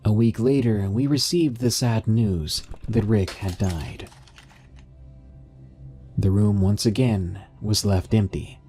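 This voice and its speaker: Low-voiced man narrating horror. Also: steady tone, slow pace, warm tone, soft background music.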